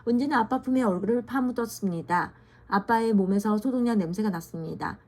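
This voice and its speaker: A woman storyteller reading a children's storybook aloud, gently and steadily, with small slips. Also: medium pitch, fairly quick.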